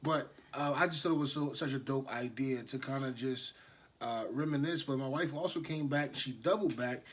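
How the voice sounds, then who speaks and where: A man's voice: medium pitch, normal speed, breathy edge. A man in his thirties co-hosting a casual podcast with his wife, talking in a laid-back, rambling way with lots of fillers. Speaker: podcast co-host. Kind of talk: casual chat.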